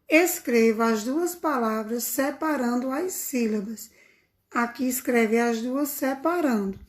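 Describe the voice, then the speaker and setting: Woman teacher, high voice, unhurried, sing-song for little kids, phone-recorded lesson. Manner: slow, sing-song, affectionate teacher talk to young children. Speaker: primary school teacher. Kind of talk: recorded remote lesson for children.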